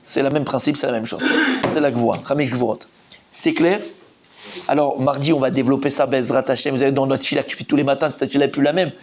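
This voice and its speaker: A man giving an informal, animated Talmud class, quizzing his students and repeating key points. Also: medium pitch, quick pace, slight background noise. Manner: lively, animated, asks students questions, repeats himself. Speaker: rabbi teaching Talmud.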